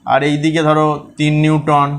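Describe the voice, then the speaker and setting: A man's voice: a little high, completely flat delivery, normal speed. A man teaching a school physics lesson, working through forces step by step and checking that pupils follow.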